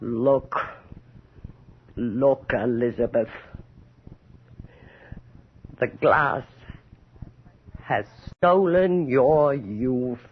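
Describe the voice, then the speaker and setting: A woman playing a vain, tormented aging countess in a radio horror drama, theatrical and declaiming, with a raspy, creaky voice. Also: rumbling low, very slow, pauses often, heavily acted. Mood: brooding, despairing. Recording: dull, lo-fi old radio recording.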